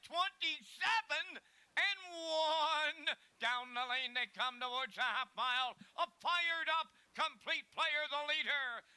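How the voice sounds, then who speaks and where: A man's voice: very high voice, pushed and bright, no room sound. A man giving emphatic race caller commentary on a harness race.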